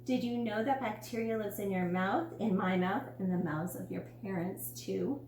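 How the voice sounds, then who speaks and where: A woman's voice: medium pitch, normal speed, a little mellow, natural voice. A woman voicing a friendly, enthusiastic dentist in a read-aloud storybook, asking questions in an emphatic teacherly way. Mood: explaining. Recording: roomy room with faint hum.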